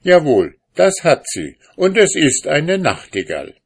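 A man's voice: mid-range voice, very animated, unhurried, voice pushed up. A man reading aloud, voicing a stubborn, pompous, short-sighted husband who insists and grows heated. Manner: insistent, boastful, growing heated.

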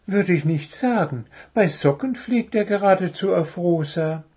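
A man voicing a small, cheeky, excitable blue bird in a storybook reading, in a high chirpy voice. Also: unhurried, breathy edge, full character voice.

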